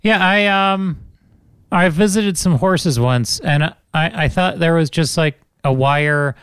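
A man telling stories in casual podcast chat, animated and jokey, close to the mic. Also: on the high side, slow, clear, resonant tone, no echo. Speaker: podcast co-host. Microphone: close studio mic.

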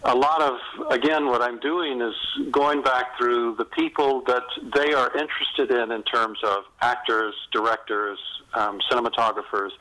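A middle-aged or older man with a bright, forward, medium-pitched voice and fairly even intonation chats like an author being interviewed, sharing anecdotes. Enthusiastic and gently self-deprecating, he halts mid-sentence to regroup, and the audio is poor.

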